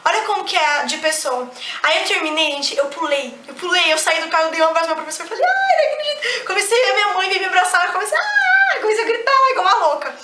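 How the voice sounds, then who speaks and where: Young brazilian girl vlogging, super high voice, chatty and animated, echoey room. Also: a little hiss or hum. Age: young adult. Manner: animated, quick restarts, acts out quoted lines. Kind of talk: chatty personal storytelling.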